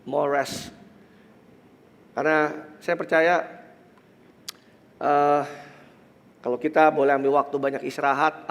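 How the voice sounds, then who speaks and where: With a long reverb tail, a mid-range male voice fills a large church hall as an Indonesian-accented pastor preaches and leads prayer. His voice is nasal and congested; he peppers his words with English phrases, rising to emphatic preaching and sinking into soft, murmured prayer.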